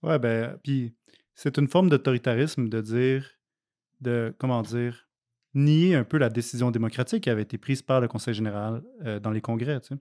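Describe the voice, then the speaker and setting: A man with a Québécois French accent and a mid-pitched voice tells history in a loose, colloquial way. He hesitates often and fills pauses with ums. It is casual podcast conversation. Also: dark tone. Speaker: podcast co-host. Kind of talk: casual political history discussion.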